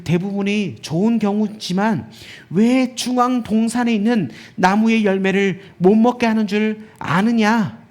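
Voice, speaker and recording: A man voicing a sly, smooth-talking male serpent tempter in a soft, coaxing whisper. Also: sits high.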